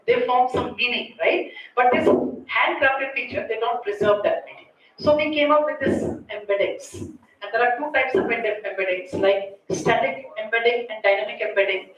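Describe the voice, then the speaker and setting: Her voice is a little high and her accent Indian as she presents a technical lecture at a conference, explaining each step and often ending with tags like "right?" and "okay." The recording is muffled, taken from a distant mic in a strongly echoing room with faint noise.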